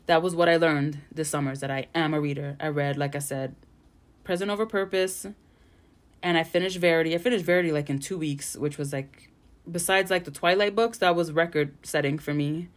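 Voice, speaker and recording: Woman podcast host, young adult, lowish voice, loose and profane, rambling solo chat recorded at home. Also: fairly quick. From Puerto Rican family. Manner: chatty, frank, swears freely. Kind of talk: casual solo podcast monologue. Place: bedroom vanity at home.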